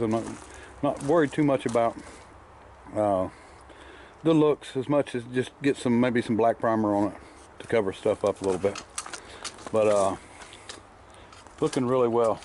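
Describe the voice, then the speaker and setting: Speaking in a slightly mellow, mid-range voice with a little hiss or hum in the recording, a man rambles through a casual vlog in his workshop garage. He's a car restorer showing off his restoration work, plainspoken, heavy on fillers, and chewing candy the whole time.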